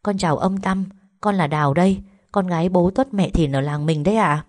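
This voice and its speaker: Earnest young village girl, polite, a bit higher than the narration; woman reads her. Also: fairly quick, darkish tone, lightly acted. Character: 18-year-old village girl, devoted, determined daughter.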